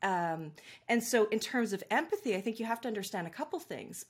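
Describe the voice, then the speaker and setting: A woman's voice: medium pitch, brisk, slightly rough. A woman who works as a parent coach, talking casually and telling stories in an interview, laughing easily. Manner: animated storyteller, laughs easily. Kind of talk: conversational interview.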